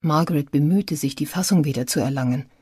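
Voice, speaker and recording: A woman narrating a thriller audiobook in a measured, subdued way. Her voice is low, dark and husky. The recording is dry and close. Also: no room sound.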